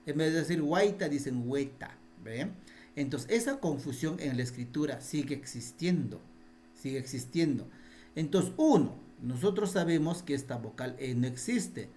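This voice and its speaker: A man with a fairly high voice and a Peruvian Spanish accent leads an online language lesson. He repeats himself patiently and keeps quizzing the class. He is heard through a video call. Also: lively intonation, normal speed, mellow. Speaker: Quechua language teacher. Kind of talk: online class, explaining spelling.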